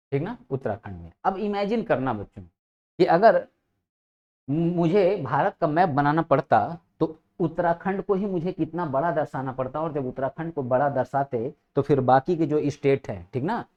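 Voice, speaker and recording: A man's voice: fairly high pitch, darkish tone. A male teacher giving an exam-prep geography lesson, addressing his students as children, asking questions and answering them himself, and repeating key words over and over. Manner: repeats key words with frequent "ठीक है" checks. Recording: dull lo-fi audio.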